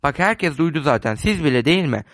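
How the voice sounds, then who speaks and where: A mocking, blunt young man who loves a dry joke, voiced by a male reader. Slightly high voice, close and dry, in an audiobook. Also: animated, fairly quick, fairly bright tone, no echo. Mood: sarcastic. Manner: sarcastic, teasing.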